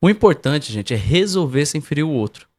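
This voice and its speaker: Co-hosting a podcast, this man gives listeners marriage advice in a teaching manner, addressing them head-on in a relaxed chat. He sounds slightly high-pitched, highly animated, and a bit quick.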